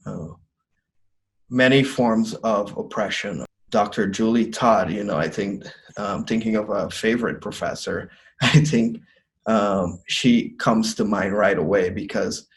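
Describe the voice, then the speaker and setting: Earnest young man, lower voice. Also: creaky, rough recording. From Guyana. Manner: earnest, reflective, many ums and restarts. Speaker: seminary student. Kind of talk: testimonial interview. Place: small room indoors.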